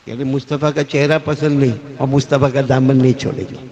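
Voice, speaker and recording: A man preaching a sermon. He swings between high, shouted peaks and low, quiet drops, and calls questions out to his listeners. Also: level tone, muffled recording. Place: gathering with a live audience. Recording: crowd audible behind.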